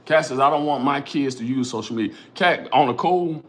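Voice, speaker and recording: This middle-aged man's mid-range voice runs a little fast as he hosts a laid-back livestream. He reads chat comments out loud and names the viewers who wrote them, swearing, gesturing rhetorically, and repeating phrases such as "you know what I'm saying."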